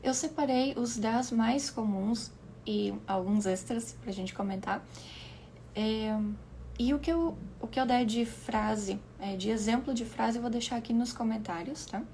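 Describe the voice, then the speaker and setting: A woman English teacher giving an online lesson, explaining patiently, repeating words slowly for pronunciation and often checking in with her listeners. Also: on the high side, dark tone, a little hiss or hum.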